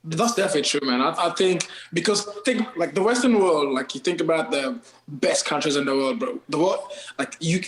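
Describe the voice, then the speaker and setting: A man's voice: a little high, brisk, roomy sound, poor audio. A man from Kenya, a guest on a podcast, talking loosely in slang and calling everyone bro and man. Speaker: podcast guest, TikTok creator. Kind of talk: casual podcast chat.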